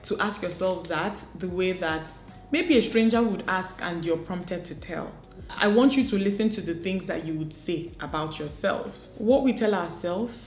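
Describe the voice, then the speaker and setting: A woman's voice: on the low side, a little mellow. A woman giving motivational advice to camera, earnest and coaching, asking many rhetorical questions. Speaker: beauty and lifestyle vlogger. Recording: echoey room.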